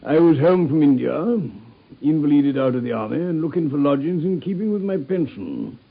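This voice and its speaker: An actor playing a friendly, curious army doctor in a radio play, genial and amiable, on a dull lo-fi broadcast recording. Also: male voice, a little high, expressive, gravelly. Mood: recollecting. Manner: genial, amiable, quick to laugh. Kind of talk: 1950s-style BBC radio drama acting.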